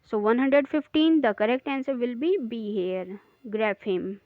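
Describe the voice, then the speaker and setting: Slow, measured woman teacher. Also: a little high, no room sound, narrow, tinny audio. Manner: reads quiz options slowly, then explains quickly in Hindi. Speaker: English teacher. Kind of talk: exam practice lesson.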